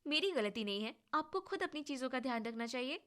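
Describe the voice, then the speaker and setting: A shy, gentle young wife in a storybook drama, voiced by a woman. She speaks softly and hesitantly. Her tone stays bright and slightly high. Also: animated, brisk. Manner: soft, quiet and hesitant.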